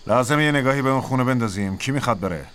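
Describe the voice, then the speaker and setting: Casting note: a steady army officer, firm commands, bright lively voice. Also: male voice, deep voice. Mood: commanding. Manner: firm, giving orders. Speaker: officer leading a squad. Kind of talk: dubbed war film dialogue.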